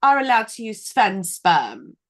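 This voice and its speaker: A woman in her thirties co-hosting a podcast in casual chat, animated and quick to swear when indignant. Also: mid-range voice. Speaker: podcast co-host.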